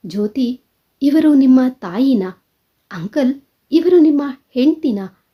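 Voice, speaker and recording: A woman's voice: sits high, expressive, slow pace, slightly rough, heavily acted. A woman voicing an earnest, persuasive young man who pleads and reasons, in a dull lo-fi recording.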